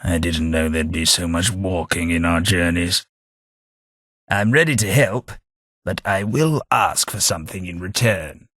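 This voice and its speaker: An actor voices an older male ghoul companion in a game, refined, sardonic and easily offended. The performance is heavily acted, low, dry, measured and cutting, yet with a fairly bright tone and no echo.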